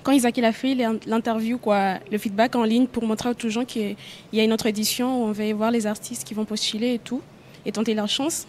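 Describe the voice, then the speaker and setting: A woman with a fairly high voice answers questions, hesitating and filling pauses. She speaks in a casual interview tone. Faint background noise is present. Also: steady tone, darkish tone. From Goma, DR Congo. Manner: hesitant, uses many fillers. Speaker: dancer.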